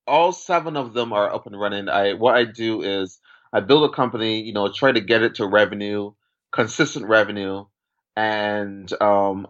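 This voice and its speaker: A man from Barbados in his forties, a podcast guest, explaining things in a measured way with step-by-step examples. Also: lowish voice, fairly bright tone. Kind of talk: conversational interview. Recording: dull lo-fi audio.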